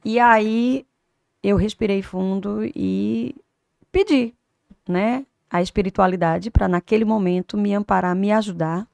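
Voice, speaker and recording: A woman in her fifties, a teacher and doctor, tells an emotional personal story as an interview guest, swinging between hushed and loud. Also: medium pitch, fairly even intonation, unhurried, vocal fry, dry recording. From Brazil. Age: 50s.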